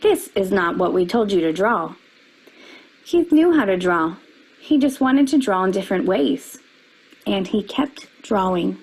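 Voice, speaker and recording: A woman reading a children's picture book aloud, with expressive storybook delivery that rises for quoted lines. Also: medium pitch, measured pace, slightly rough, rough recording.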